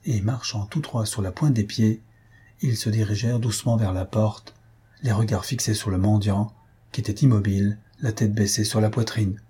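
Guy reading an audiobook, really husky, dark mellow tone. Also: fairly low pitch, steady tone, normal speed. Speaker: narrator. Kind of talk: audiobook narration.

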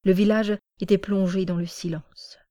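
A woman narrating an audiobook in a slow, even storytelling manner. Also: medium pitch, no room sound, studio quality.

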